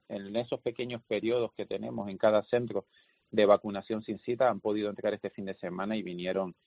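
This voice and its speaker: A man interviewed as a health official, explaining in a lively, anecdotal way. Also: fairly low pitch, no echo. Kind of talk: phone interview. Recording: dry, tinny phone line.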